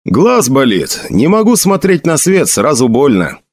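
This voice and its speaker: A man's voice: medium pitch, huge pitch swings, a little slow, no echo, voice pushed up, heavily acted. A man voicing a haunted young nobleman, shaken and vengeful, speaking in a tense, trembling voice. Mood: pained.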